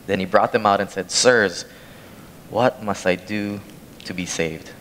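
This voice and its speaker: Low-voiced young preacher in a big echoing church. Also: male voice, unhurried, fairly bright tone. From Hawaii. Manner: plain conversational storytelling, walking the stage. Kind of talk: sermon with scripture reading. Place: large church sanctuary stage. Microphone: handheld microphone from a far camera. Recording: long church hall reverb, faint noise.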